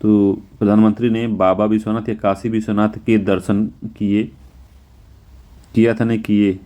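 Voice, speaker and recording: Slow, careful Hindi tutor, deep mellow man. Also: flat delivery. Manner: repetitive, self-correcting, often says "ठीक है"; slows and stretches words to spell them out. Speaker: exam prep teacher. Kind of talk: Hindi spelling lesson walking through test answers.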